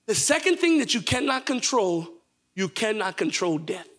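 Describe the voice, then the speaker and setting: A young male preacher delivers a sermon in a church with a very high, bright voice. He swings between quiet storytelling and shouted, fervent preaching. He keeps calling out to the congregation for a response. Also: big pitch swings, normal speed.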